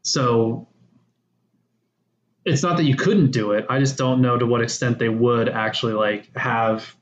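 A man's voice: mid-range voice, steady tone, unhurried. A man co-hosting a casual podcast chat, rambling and teasing, often breaking off mid-thought. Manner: rambling, self-interrupting, teasing. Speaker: podcast co-host. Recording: roomy, dull lo-fi sound.

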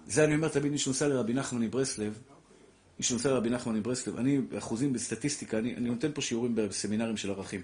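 A middle-aged man, a rabbi giving a lively Torah class who preaches through rhetorical questions and calls his listeners fondly. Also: mid-range voice. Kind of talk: animated Torah lecture.

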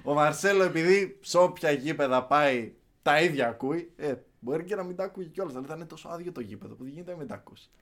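A man chatting casually, telling an excited story of a football night and acting out the chants. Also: fairly high pitch. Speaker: podcast guest recounting a match trip. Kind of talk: casual chat.

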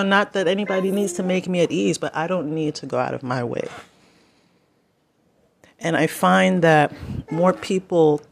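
A woman rambling through a casual personal vlog, talking to herself and breaking off now and then. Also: low-pitched. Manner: rambling, self-talking, talks to her baby in between. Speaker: vlogger.

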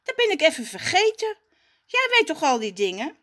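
A woman voicing Raf, an excitable and forgetful young male cousin in a storybook, eager and easily flustered. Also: high voice, voice pushed up, exaggerated voice. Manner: eager, jumpy, quick to fluster. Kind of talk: storybook character voice.

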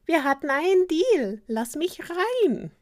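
A woman voicing a cheeky, pushy male frog in a spoken fairy tale, high and demanding. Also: big pitch swings, takes it slowly, full character voice.

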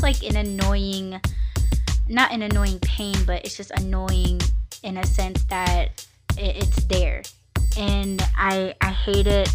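A young woman hosts her own podcast voice blog, talking casually and haltingly with plenty of fillers. Being sick has left her mid-range voice raspy and weak.

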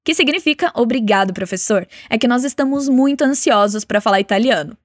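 A woman teaching a language lesson, encouraging and clear, slowing down to model phrases for the listener to repeat. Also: fairly high pitch, lively intonation, dry recording, studio quality. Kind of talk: spoken language lesson with repeat-after-me drills.

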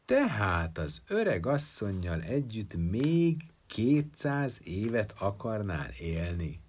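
A man voicing a thoughtful old sage giving advice in a folk tale, measured in manner. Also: lowish voice, very animated, a little mellow. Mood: advising. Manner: advising, measured. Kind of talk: storytelling.

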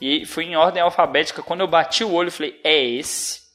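A man's voice: a little high, fairly quick, sharp tone, faint music behind. A man hosting a guessing game in casual chat, teasing and mocking the player. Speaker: quiz host.

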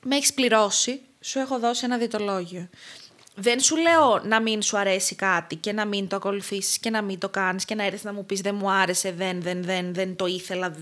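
A young adult woman, a clinical dietitian, talking as a podcast guest and telling stories about clients in an animated, exasperated way. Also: mid-range voice. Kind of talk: casual podcast conversation.

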